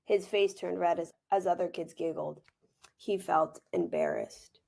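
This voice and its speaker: A woman reads her own children's picture book aloud as both author and teacher, gentle and expressive, dropping in informal asides. Her voice sits lowish and creaky, and she takes her time.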